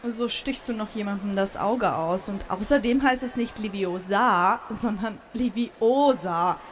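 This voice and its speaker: A woman co-hosting a comedy audio-drama skit, excitable and dramatic. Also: medium pitch, normal speed, a little hiss or hum. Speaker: co-host.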